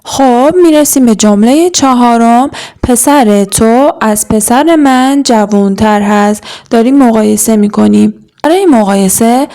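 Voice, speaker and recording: A young woman teaching English grammar, explaining and modeling example sentences slowly and deliberately. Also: on the high side, dark tone. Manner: slow, deliberate, stretching out words.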